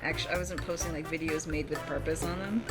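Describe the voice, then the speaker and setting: A young woman chatting through a casual vlog with voiceover bits, full of quick self-mocking jokes. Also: sits low, steady tone, loud music behind the voice. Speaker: vlogger and touring puppet theatre performer.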